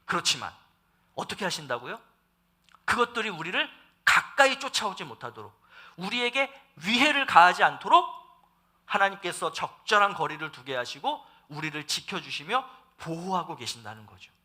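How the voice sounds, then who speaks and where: Animated, bright-voiced male pastor preaching. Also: high-pitched, normal speed. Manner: animated preaching with rhetorical questions to the congregation. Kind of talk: sermon. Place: church.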